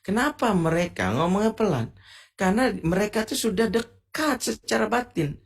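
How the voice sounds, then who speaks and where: A middle-aged man giving a lively sermon, acting out quotes and jokes playfully. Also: high voice, moderate pace, creaky, slightly rough. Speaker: preacher. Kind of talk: lively sermon with acted examples.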